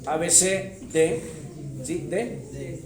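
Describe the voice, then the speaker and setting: Man preaching, chatty teasing pastor, fairly high voice, booming echo, heard from a distance. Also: fairly even intonation, very slow, noisy background. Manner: chatty, teasing, addresses listeners as "mis amores". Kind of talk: Bible seminar teaching. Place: church hall with audience. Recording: echoey hall, mic from far off, crowd.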